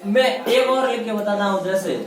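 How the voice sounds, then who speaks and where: A man's voice: sits high, moderate pace. A male teacher with a Rajasthani accent, patiently drilling his pupils with repeated questions during a classroom lesson. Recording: echoey classroom from far off. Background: pupils answering in chorus.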